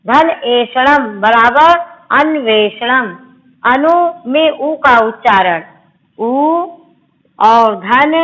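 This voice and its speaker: A woman's voice: high-pitched, fairly bright tone, poor audio. A woman teacher explaining grammar rules step by step in a classroom lesson, repeating each sound.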